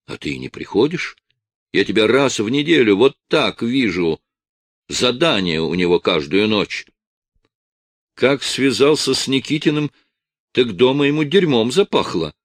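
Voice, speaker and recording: A man reading an audiobook voices a bitter, nagging middle-aged wife who scolds in a shrill, raised voice. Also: sing-song, normal speed, creaky, hardly any pauses, no echo, studio quality, exaggerated voice. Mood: furious.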